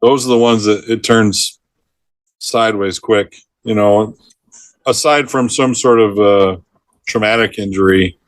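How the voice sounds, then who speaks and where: An unhurried, lowish voice with no room sound belongs to a retired forest ranger, middle-aged, relating rescue stories in an easygoing interview. He tells them vividly, laughing in the middle of sentences and acting out people's words.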